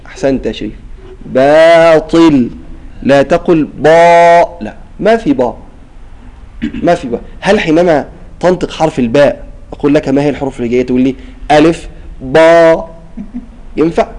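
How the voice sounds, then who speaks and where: A man leads a recitation class, his voice mellow and fairly high. He explains each rule patiently, sounds out the words to demonstrate them, and keeps checking that the students follow. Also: expressive, fast, poor audio. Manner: explains and asks "clear?" often, demonstrates pronunciations. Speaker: Quran recitation teacher. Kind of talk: classroom lesson on tajweed.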